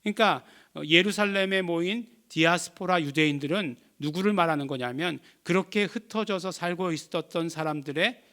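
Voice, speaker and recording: Preaching man, a bit high voice. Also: a bit bright. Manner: explanatory, asks the congregation questions and answers them himself; many "eo" and "ye" fillers. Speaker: pastor. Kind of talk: sermon.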